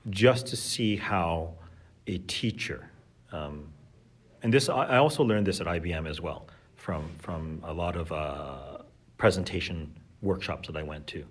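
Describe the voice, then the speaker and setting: A teacher appearing as a podcast guest speaks in a low, slightly rough voice. His talk is reflective and conversational, earnest and thoughtful, with fillers and restarts.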